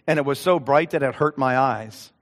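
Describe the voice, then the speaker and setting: Older man, pastor, earnest conversational sermon, middle pitch, echoing hall. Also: moderate pace. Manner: earnest, conversational preaching with emphatic reading. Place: church sanctuary. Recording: long reverb of a church hall.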